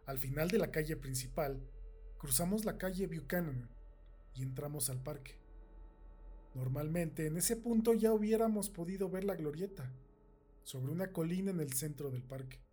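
A man narrating a horror story in a measured, unhurried reading. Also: a little high, dark tone, breathy edge.

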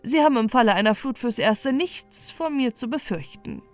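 A woman's voice: a little high, expressive, normal speed, soft background music, lightly acted. A woman voicing a greedy, sly male pike with a nasal twang while reading a storybook. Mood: smug. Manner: smug, sly politeness.

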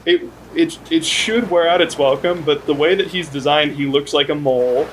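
A man co-hosting a podcast in casual chat, animated and laughing mid-sentence, with many fillers. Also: on the high side, moderate pace, a little hiss or hum, rough recording. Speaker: podcast co-host.

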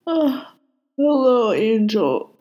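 A woman's voice: fairly high pitch, big pitch swings, very slow, dark tone, pitched above the performer's own voice, exaggerated voice, poor audio. A woman voicing a grumpy, sardonic male demon who grumbles and argues. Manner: grumbling, argumentative.

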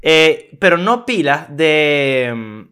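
A young man with a Venezuelan accent, casually telling a story on a podcast, slangy and animated, acting out what people said. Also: fairly high pitch, takes it slowly, clean tone. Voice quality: animated, slangy, acts out quoted voices. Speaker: podcast co-host.

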